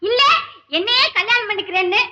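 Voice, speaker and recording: A woman's voice: very high voice, fast talker, background noise. A chirpy, naive young woman. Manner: artless, chirpy. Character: naive, chatty young woman, the clerk's daughter. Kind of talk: 1960s film comedy dialogue. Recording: dull old film soundtrack.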